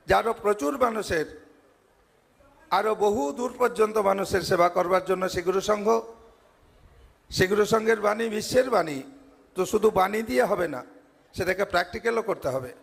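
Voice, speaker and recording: High, gravelly-voiced man preaching in a hall. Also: normal speed, pauses often. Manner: earnest, builds points through repeated parallel phrases. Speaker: monk giving a speech at a devotee gathering. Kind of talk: devotional sermon. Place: large ashram assembly hall. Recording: long hall reverb.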